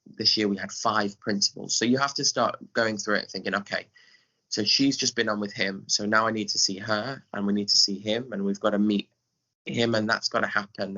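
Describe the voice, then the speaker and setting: An Englishman with an English accent chats casually as an interview guest, explaining his job directing and writing pantomime for the theatre. His voice is on the low side, moderately paced, bright and forceful, with the highs cut off.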